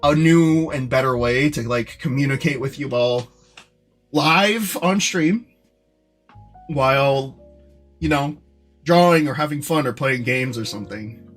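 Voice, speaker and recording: A young man streaming live, rambling casually to his chat with lots of fillers and restarts, in what he calls a monotone voice. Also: mid-range voice, unhurried, long pauses, soft background music. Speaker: streamer and animator.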